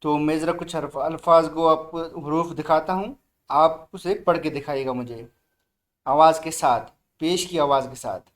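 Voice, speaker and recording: A man teaching Quran reading in a recorded online lesson, drawing out each letter sound slowly and urging the learner to read aloud. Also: a little high, fairly even intonation. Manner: slow drawn-out letter drills, brisk asides to the student.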